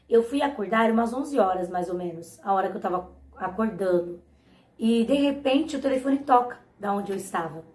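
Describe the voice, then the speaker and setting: A woman's voice: mid-range voice, lively intonation, normal speed, a little mellow. A young woman with a Brazilian Portuguese accent telling her own faith testimony, speaking earnestly and often turning to her viewers. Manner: earnest, often turns to the audience. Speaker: mother giving a faith testimony. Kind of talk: personal storytelling to viewers. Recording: echoey room.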